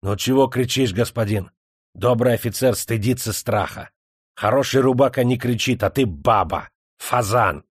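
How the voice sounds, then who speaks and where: A man puts on a fierce Tatar brigand from a storybook, taunting his victim in broken, jeering speech. The voice sits raised and loud above the reader's own, close and dry. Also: mid-range voice, normal speed, husky, no echo, lightly acted. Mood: mocking menace.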